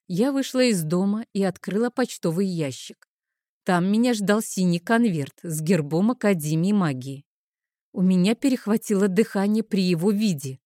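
A woman narrating a first-person audiobook in a calm, even storytelling manner. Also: medium pitch, no echo, clean studio sound.

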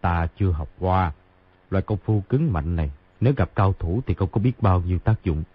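A man reading a calm, proud martial-arts master. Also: low voice, normal speed, husky, phone-quality sound. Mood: dismissive. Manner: calm, dismissive, matter-of-fact.

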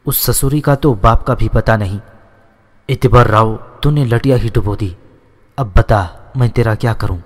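A man's voice: medium pitch, close to an everyday voice. A man voicing a hot-tempered elderly feudal landlord who scolds and insults his son, in a storybook reading with a long reverb. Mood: angry scolding.

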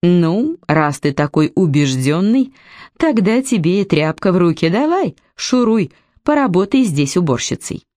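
Snarky teasing girl, as a lady narrator puts her on, higher than her low reading voice, dry sound. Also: sing-song, unhurried, a little mellow, dry recording. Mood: mocking. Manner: mocking, ironic. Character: sarcastic, teasing young woman.

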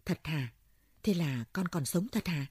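A bewildered old village woman, read by a woman narrator, rambles as if in a dream about the spirits she speaks with. The voice sits low and husky, with a dark, mellow tone. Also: expressive, unhurried, no echo, clean studio sound, full character voice. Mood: dazed, tearful. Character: elderly grieving village woman, dazed, talks to spirits.

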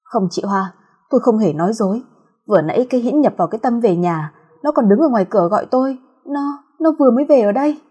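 A woman's voice: fairly high pitch, animated, quick pace, dark tone, breathy edge, voice pushed up. A woman voicing a terrified young woman who begs for help in frantic, stammering cries.

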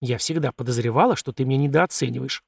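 Brisk young woman in an audiobook, voiced by a male narrator; coaxing, in a dry, close sound. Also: medium pitch, gravelly, slightly rough, dry recording. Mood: lively. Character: lively bold young woman, court lady-in-waiting.

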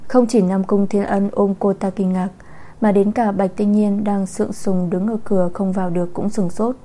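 A woman reads a romance novel aloud in a calm, steady storytelling manner. Her voice is warm and mellow at a middle pitch. The delivery is scripted narration. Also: moderate pace. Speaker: audiobook narrator.

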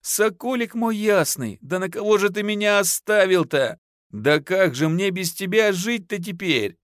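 A man's voice: a little high, sing-song, measured pace, no room sound, studio quality, voice pushed up. A man voicing a frightened young peasant woman with lamenting, pleading folk speech. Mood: wailing.

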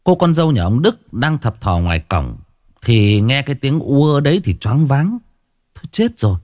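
A man's voice: medium pitch, normal speed, no room sound, clean studio sound. Wry storyteller man. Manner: wry, expressive. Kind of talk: comic ghost-story narration.

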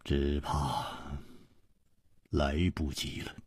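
A man voicing a calm, unflappable male hero swordsman in a storybook tale, speaking softly and slowly. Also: sits low, slightly rough, no room sound, clean studio sound, voice pushed down, heavily acted. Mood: resigned. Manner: soft, unhurried and composed.

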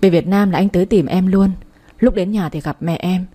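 A woman reading the lines of a tender, teasing young man in a romance story, speaking with soft, affectionate reassurance. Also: lowish voice, moderate pace, breathy edge.

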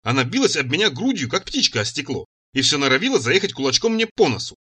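A man narrating a first-person audiobook in an expressive, ironic manner. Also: a little high, fast talker, breathy edge. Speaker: audiobook reader.

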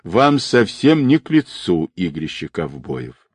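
A man voicing a composed, persuasive man who speaks calmly and with quiet confidence. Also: sits low, husky, dry recording, heavily acted. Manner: calm, measured, persuasive.

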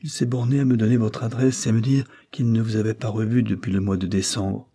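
A man's voice: fairly low pitch, level tone, a little fast, mellow, husky. A man reading an audiobook plays a stern older aristocrat, the count, who lectures and reproaches in a severe tone. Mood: measured.

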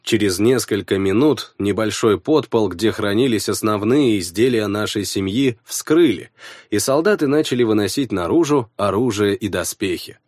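A man narrating a fantasy audiobook in an expressive storytelling manner. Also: on the low side, moderate pace, no echo, clean studio sound.

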